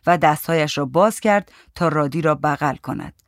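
A man narrating a story in a steady, even reading voice. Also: on the high side, dry recording, clean studio sound.

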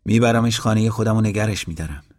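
A man's voice: fairly low pitch, darkish tone, close to an everyday voice. Man doing a stubborn kindhearted young man. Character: stubborn kindhearted young man who keeps an old dog. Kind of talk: storybook reading.

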